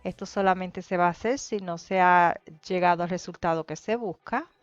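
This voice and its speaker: A woman with a fairly low voice narrates a painting tutorial calmly, explaining each step and pausing often to hesitate. The voice-over is dry and slightly dull and lo-fi, with faint music underneath. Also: smooth, dry recording. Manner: calm, explanatory, with frequent hesitations. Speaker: painting teacher.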